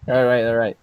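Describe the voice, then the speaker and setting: A man's voice: medium pitch, no echo, dull audio. A man teaching English over a video call, patient and joking, switching between English and Spanish. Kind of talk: online class, bilingual teaching. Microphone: computer mic on a video call.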